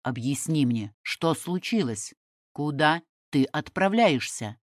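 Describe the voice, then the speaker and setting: A woman reading an audiobook and voicing a hot-headed young Roman man who demands answers and shouts oaths. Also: deep voice, lively intonation, slow pace, no room sound, clean studio sound, heavily acted. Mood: furious.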